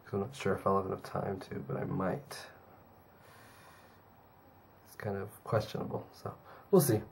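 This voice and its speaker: A young man talking to his own camera in a casual daily vlog, rambling with fillers, hoarse and tired from a cold. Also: little pitch movement, normal speed, a little hiss or hum. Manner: low-key, rambling with fillers. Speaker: vlogger.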